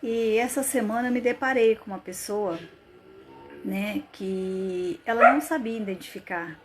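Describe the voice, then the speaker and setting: A woman's voice: on the high side, moderate pace. Woman psychologist on a live stream. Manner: conversational, addresses viewers as gente. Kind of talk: live-stream talk to viewers. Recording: noisy live-stream audio.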